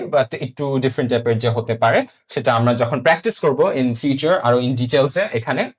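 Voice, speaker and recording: Teaching beginners preparing for IELTS, this man explains things patiently, repeats himself a lot, and drops in English terms along with plenty of "uh" fillers. His voice is medium in pitch.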